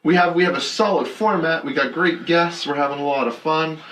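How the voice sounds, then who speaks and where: Animated young man telling stories. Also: fairly high pitch, fairly quick, slight background noise, rough recording. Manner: animated storyteller, acts out quotes with a laugh. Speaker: podcast co-host. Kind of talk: casual chat.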